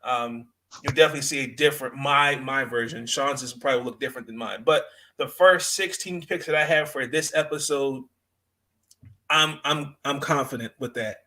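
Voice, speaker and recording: A man hosting a sports podcast in casual, unscripted talk, halting and repeating phrases as he goes. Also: mid-range voice, sharp tone.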